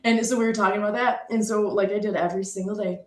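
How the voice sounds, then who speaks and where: Woman, middle-aged, mid-pitched, emotional personal storytelling, echoey room. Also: fairly even intonation. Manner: emotional, heartfelt, pausing, fighting back tears. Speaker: speaker sharing a personal story.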